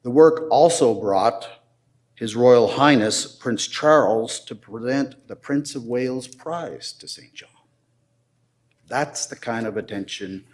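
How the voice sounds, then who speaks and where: An older man addressing a city council, presenting his case formally with slow, deliberate emphasis. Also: fairly low pitch.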